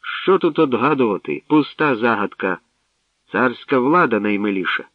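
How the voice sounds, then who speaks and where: A man voicing a loud, commanding old tsar with a booming manner. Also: animated, moderate pace, no echo, highs cut off, natural voice.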